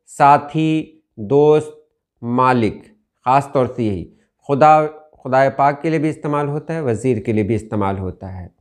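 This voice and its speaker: This Indian Urdu teacher has a mid-range voice and takes his time. Working from dictionaries, he explains what words mean, going back over the important ones.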